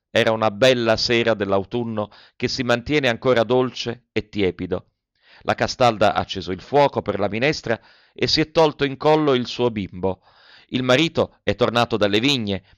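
A man reading a first-person letter novel aloud with emotional, lingering delivery and soft pauses. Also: mid-range voice, dry recording. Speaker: audiobook reader. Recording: dull, dry lo-fi audiobook recording.

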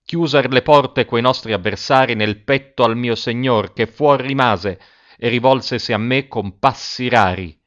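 A man reciting classic verse aloud in a measured, dramatic reading, on a dull lo-fi recording. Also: mid-range voice, a bit bright. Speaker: reader.

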